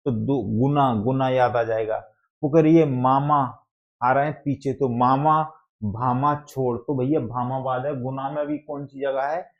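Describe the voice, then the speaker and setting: Speaking a little slowly, this male teacher has a mid-range voice with fairly even intonation. Over a dull lo-fi recording, he teaches exam facts through mnemonics and keeps quizzing the class again and again.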